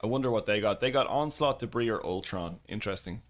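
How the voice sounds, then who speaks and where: A man's voice: on the low side, quick pace. A man casually commenting on his own card game as he plays live, thinking aloud and greeting viewers in chat. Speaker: streamer and YouTube host.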